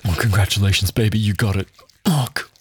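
A man performs an adult audio roleplay, speaking a little fast with a breathy edge. He is dominant and taunting in a low, intimate delivery, with heavy breaths and muttered exclamations between lines.

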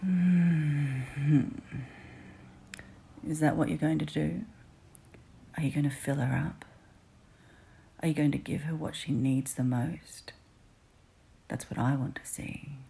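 A woman's voice: sits low, fairly even intonation, unhurried, vocal fry, long pauses, mellow, husky. A woman whispering an intimate adult roleplay close to the listener's ear, ASMR style. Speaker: audio roleplay performer.

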